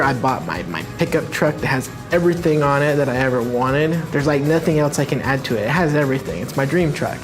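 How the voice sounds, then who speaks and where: Man, earnest testimonial, steady storytelling, faint music behind. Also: mid-range voice. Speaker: customer testimonial. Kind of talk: calm testimonial.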